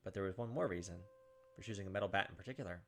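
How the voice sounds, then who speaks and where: Over the visual novel's background music, a gaming host reads the narration aloud and inserts brief side comments. His voice is low-pitched and he races along.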